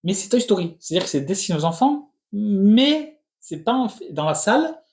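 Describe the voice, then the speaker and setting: Hosting a laid-back film review, a thirtysomething man speaks with a high-pitched, sing-song lilt. He's opinionated and talks in rapid, restless spurts, often starting over.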